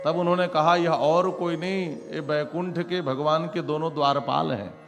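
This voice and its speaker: A man's voice: on the high side, steady tone, moderate pace. A man telling devotional scripture stories as a sermon, dramatic, acting out the characters' lines with exclamations. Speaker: Bhagavat katha preacher. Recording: long reverb with instrumental music behind.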